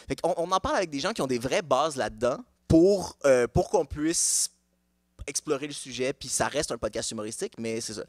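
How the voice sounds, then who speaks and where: A man's voice: a little high, fairly bright tone, no room sound. Thirties Québécois male comedian guest, hesitant casual delivery, dry mic. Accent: Québécois French. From Quebec, Canada. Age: 30s. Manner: hesitant, many restarts and fillers. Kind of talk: casual live podcast interview. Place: live podcast taping before an audience.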